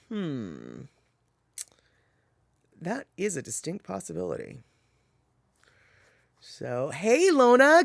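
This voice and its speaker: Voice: mid-range voice, no echo. A live-stream host from the United States chatting casually with viewers, rambling, correcting themself and laughing at their own remarks. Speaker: livestream host reading viewer chat.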